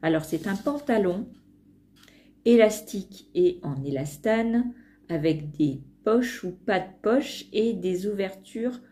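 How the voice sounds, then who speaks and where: A woman's voice: medium pitch, expressive, slow pace, mellow. A woman vlogger talking casually to camera about sewing patterns, hesitant, with many fillers and restarts.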